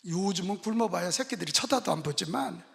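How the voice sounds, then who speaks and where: A middle-aged male pastor preaches with animated emphasis, slipping into his stories as he tells them. His high, gravelly voice swoops widely in pitch. It echoes through the long reverb of a retreat chapel. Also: a little fast. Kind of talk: sermon. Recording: echoey hall.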